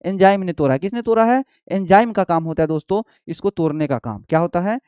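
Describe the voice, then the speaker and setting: A male teacher gives an exam-prep biology lesson in a high, fast, slightly mellow voice with a clean tone, recorded in a clean studio without echo. He repeats each point, quizzes the students as he goes, and calls them friends and babu.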